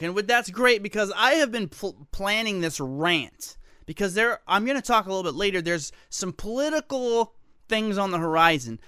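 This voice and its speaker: A man's voice: high-pitched, bright, forceful tone, clear, resonant tone, dry recording, studio quality. Sarcastic, ranting male radio host. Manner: sarcastic, ranting, jokey asides. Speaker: radio talk show host. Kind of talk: solo talk radio commentary. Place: radio studio.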